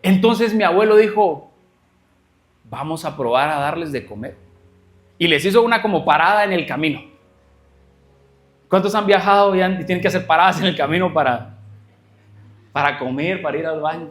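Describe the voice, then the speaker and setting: High-voiced man telling a sermon story. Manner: animated storyteller acting out quoted dialogue. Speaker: guest preacher.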